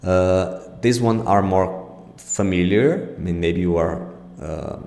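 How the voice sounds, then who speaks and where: A pronunciation teacher and show host gives an informal lesson in a slow, low, somewhat mellow voice. He sounds encouraging and reassuring, and the room is echoey with a long reverb.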